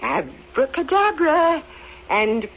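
A kindly, forgetful fairy godmother, from a children's storybook drama. She speaks high and very melodically, with a theatrical magician's flourish. The recording is dull, with faint noise. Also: sing-song, takes it slowly, creaky, a bit bright, heavily acted. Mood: grand, theatrical. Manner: theatrical magician, grandly incanting and exclaiming. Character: kindly absent-minded fairy godmother casting spells. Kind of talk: children's fairy-tale audio drama acting.

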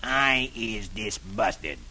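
A man's voice: a little high, a little slow, creaky, bright, forceful tone, full character voice, poor audio. A man voicing a gloomy, grumbling male buzzard with a moaning, growly manner. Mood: grumpy.

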